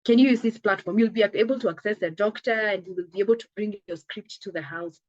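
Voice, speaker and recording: A woman who founded a telehealth company gives an earnest conversational interview in a slightly mellow mid-range voice, a bit scratchy from an approaching cold. She speaks quickly and emphatically, acting out short dialogues. The recording has no room sound and its highs are cut off.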